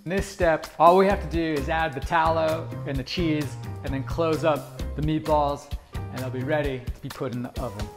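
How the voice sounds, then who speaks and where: A man's voice: a little high, fairly even intonation, moderate pace, vocal fry, over music. A man in his thirties hosting a home cooking demonstration, explaining each step to the camera in an upbeat way, recorded in a kitchen. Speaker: cooking video host.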